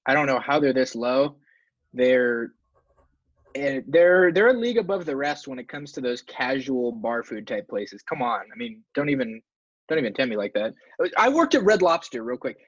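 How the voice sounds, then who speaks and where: A man's voice: mid-range voice, very animated, normal speed, no echo. A man co-hosting a casual podcast, talking in an emphatic, complaining way. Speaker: podcast co-host. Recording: dull, dry lo-fi mic.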